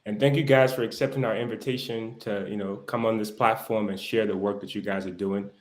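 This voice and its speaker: Low-voiced male talk show host. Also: steady tone, brisk. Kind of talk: scripted introduction then interview questions. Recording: roomy echo.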